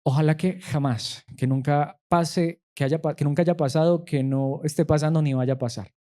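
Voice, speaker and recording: A man's voice: fairly high pitch, steady tone, moderate pace, mellow. A man pastor, preaching a sermon emphatically and asking his listeners rhetorical questions.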